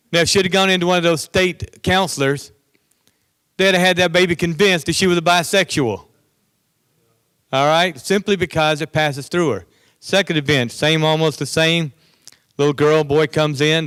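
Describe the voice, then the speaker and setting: Guy giving a speech at a conference, storytelling and doing the quotes himself, smooth clear voice, dry sound. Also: a little high, fairly bright tone, no room sound. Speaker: conference speaker. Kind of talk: political speech with anecdotes. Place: conference hall.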